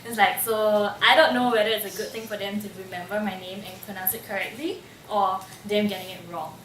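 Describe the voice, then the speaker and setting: A Singaporean woman in her 20s, being interviewed, casually shares personal stories and fills her speech with "like." Her mid-range voice is steady, brisk, and a bit bright. She's recorded from a distance in a roomy space, with faint ambience and a little hiss or hum.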